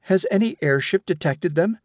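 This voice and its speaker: A stern elderly woman lectures with insistent, rhetorical questions, put on by a man reading an audiobook in a raised, brighter voice. Her tone climbs and swings as she presses each point. The sound is dry and close. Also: high-pitched, lively intonation, moderate pace, dry recording, voice pushed up. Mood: reproachful.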